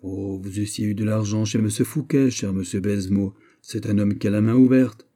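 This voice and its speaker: A man voicing a shrewd, calm bishop who questions his host in a measured, quietly insistent way, in an audiobook reading. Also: on the low side, lightly acted. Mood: smooth. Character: calm, shrewd male bishop, smoothly probing.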